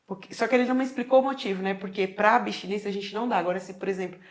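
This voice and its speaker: A middle-aged Brazilian woman with a Brazilian Portuguese accent tells her own story in casual chat, acting out the dialogue and using frequent tag questions. Her voice is mid-range and very fast.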